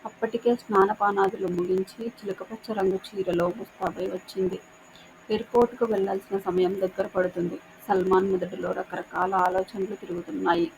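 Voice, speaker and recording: A woman narrating a short story in a steady, measured reading voice. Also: mid-range voice, creaky, slight background noise.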